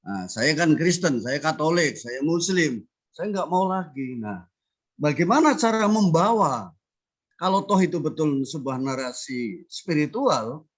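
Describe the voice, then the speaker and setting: An older man from Java, speaking earnestly as a panelist at a discussion forum and building his points through emphatic repetition. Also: on the high side. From Central Java, Indonesia. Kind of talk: spoken remarks at a discussion forum.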